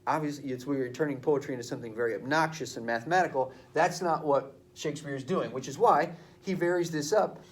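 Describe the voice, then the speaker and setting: A male teacher recording a video lesson for his students, explaining verse slowly and stressing syllables aloud. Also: on the high side.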